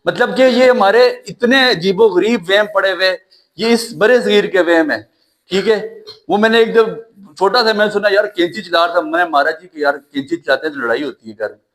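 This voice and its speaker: A man giving a classroom grammar lecture, often pausing to check that students follow and spelling words out slowly. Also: sits high, a bit bright. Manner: repeats checks like "right?", calls students "child", spells slowly. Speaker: English grammar teacher.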